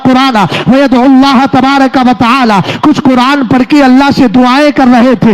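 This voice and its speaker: A man preaching a religious sermon, reciting Arabic verses and then explaining them, often asking his listeners whether they have understood. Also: extremely high pitch. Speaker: Islamic preacher.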